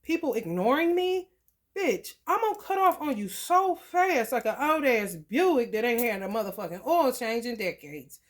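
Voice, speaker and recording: A woman ranting to her viewers in a blunt, profane, animated storytelling way. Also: a little high, moderate pace. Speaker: vlogger. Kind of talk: profane rant to camera.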